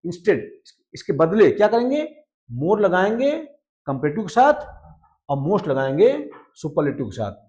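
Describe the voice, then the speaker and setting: A man teaching a grammar lesson. He repeats each rule in Hindi, reads the English lines slowly and keeps checking in with his listeners. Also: on the high side, sing-song, a little mellow. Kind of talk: explaining a lesson.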